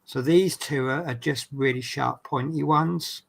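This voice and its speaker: This livestream host is doing a hobby build and keeps up a casual, teasing chat in his Norfolk English accent from East Anglia. His voice sits at a medium pitch and sounds creaky, his pace is a little slow, and there's slight background noise.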